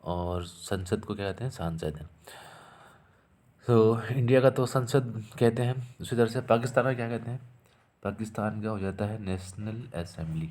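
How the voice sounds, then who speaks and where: A man's voice: on the low side, moderate pace, a little mellow. A man teaching an exam-prep lesson, asking questions and answering them himself, repeating key terms to drill them in.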